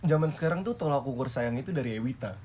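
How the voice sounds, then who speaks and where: A man's voice: medium pitch, lively intonation, fast, darkish tone, a little hiss or hum. A young man with a Jakarta Indonesian accent chatting casually as a podcast co-host, slangy and joking. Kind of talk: casual chat.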